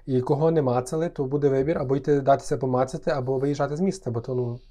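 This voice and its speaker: A man, co-hosting a podcast and spinning absurd tall tales in a dry, deadpan way. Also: medium pitch, racing. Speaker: podcast co-host. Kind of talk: casual joking chat.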